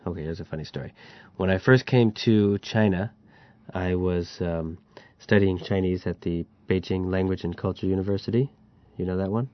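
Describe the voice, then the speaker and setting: A podcast host chats casually about learning Chinese, telling stories and laughing as he goes. His voice sits low with fairly even intonation at a normal pace, recorded dry with a lo-fi sound.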